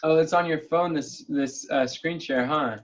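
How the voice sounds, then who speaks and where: A man's voice: on the high side, a little slow. A man leading a casual planning call over a video link, thinking aloud in an upbeat way. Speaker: meeting leader. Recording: dull lo-fi call audio.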